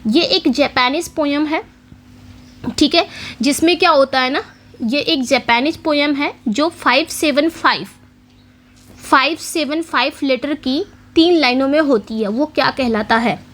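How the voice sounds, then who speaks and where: Woman teacher with a high voice, exam-prep lecture, quiz-style questions and repetition. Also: fairly bright tone. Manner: explains in Hindi mixing English terms, repeats key points with quiz questions; reads English question text slowly. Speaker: English literature teacher.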